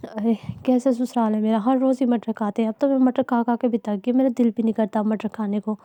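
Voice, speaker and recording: A woman's voice: fairly high pitch, fairly even intonation, a little fast, warm tone, dry recording, natural voice. A woman voicing a weary young daughter-in-law in a cartoon story, who grumbles and complains. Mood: fed up.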